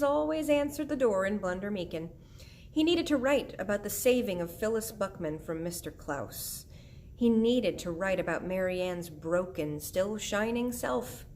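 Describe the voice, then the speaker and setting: A woman narrating a children's book aloud in a gentle, even storytelling manner. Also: mid-range voice, a little hiss or hum. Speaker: audiobook reader.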